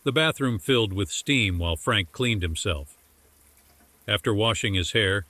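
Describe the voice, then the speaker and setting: A man narrating a science fiction audiobook in a measured storytelling delivery, over music. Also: fairly low pitch, bright, forceful tone. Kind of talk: scripted narration.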